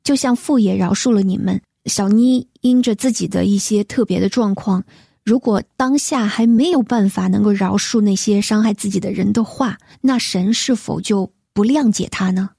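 Gentle, mellow-voiced woman radio host. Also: medium pitch, gravelly, slightly rough, dry recording, clean studio sound. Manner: gentle, measured, reads letters aloud. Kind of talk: reading listener letters on a faith program.

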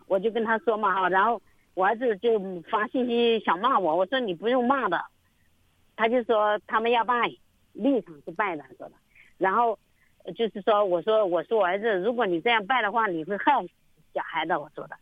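A woman's voice: mid-range voice, no echo. A middle-aged woman calling in to a radio show, telling a long story in a rambling, repetitive way. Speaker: caller. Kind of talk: phone-in call. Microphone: phone. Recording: tinny phone line, dry.

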